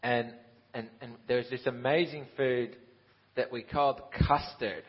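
A Ukrainian-raised Bible college student in his twenties answers interview questions and then preaches from a church stage, laughing at himself and restarting often. His mid-range voice is husky, steady and unhurried, with the highs cut off.

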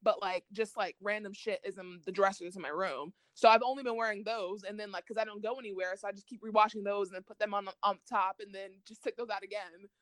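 A woman's voice: mid-range voice, fairly even intonation, fast, few pauses, fairly bright tone, dry recording, clean studio sound. A woman chatting casually at home as a podcast co-host, laid-back and laughing often. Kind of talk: casual chat.

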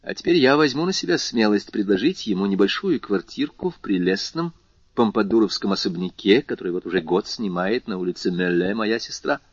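Narrator doing an earnest young officer, raised and eager, husky, lo-fi audiobook. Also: male voice, on the low side, expressive, fairly quick, dry recording. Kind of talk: audiobook character voice. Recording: slightly muffled lo-fi recording.

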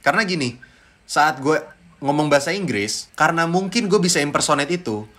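A man, a guest chatting casually on a podcast, animated and switching between languages. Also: a little high, a little fast. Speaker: guest impressionist.

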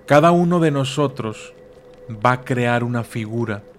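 A man's voice: mid-range voice, lively intonation, unhurried, slight background noise, close to an everyday voice. A man voicing a proud king in a folk legend, in a plain, commanding storyteller's voice. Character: proud, then desperate, male king.

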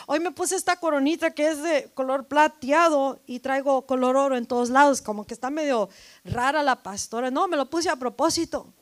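A woman pastor preaching a fervent sermon, building to loud emphatic repetitions and dropping in English phrases. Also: high voice, dry recording. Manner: switches briefly into English phrases.

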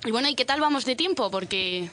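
A woman co-hosting a radio chat, throwing in quick reactions and teasing remarks. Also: a little high, expressive, fairly bright tone. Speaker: co-host. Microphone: radio studio mic.

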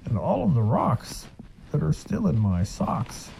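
Grumpy plodding ox, complains slowly, warm low tone, done by a man reading aloud. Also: huge pitch swings, creaky, slight background noise, heavily acted, low-quality recording. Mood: complaining.

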